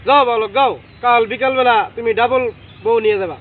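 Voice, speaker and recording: A man playing a fake male holy man in a comedy skit, intoning slowly with long ritual hums. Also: extremely high pitch, fairly even intonation, phone-quality sound, slight background noise. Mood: solemn.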